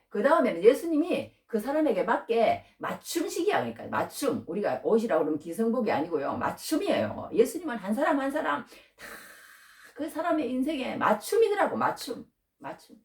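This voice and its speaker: A woman's voice: mid-range voice, darkish tone. A woman preacher giving an emphatic, conversational sermon, repeating her key phrases again and again. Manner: conversational, addresses listeners directly. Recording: echoey hall, from far off the mic.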